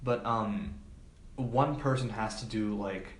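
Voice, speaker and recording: Speaking slowly in a lowish voice, a male film production assistant answers interview questions on a podcast. He sounds casual and unsure, peppering his speech with filler words, while echo and background noise fill the recording.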